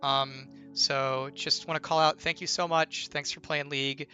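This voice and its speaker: Speaking unhurriedly to stream viewers in a casual Q&A, a young game designer rambles playfully, dropping "like" and "right?" constantly. His high-ish voice shows little pitch movement and a sharp tone, slightly strained from illness, with soft background music.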